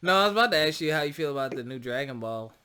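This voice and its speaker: A man's voice: a little high, animated, very fast, bright, forceful tone, clear, resonant tone. A man hosting a podcast in casual chat, laid-back and slangy with a teasing streak. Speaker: podcast host.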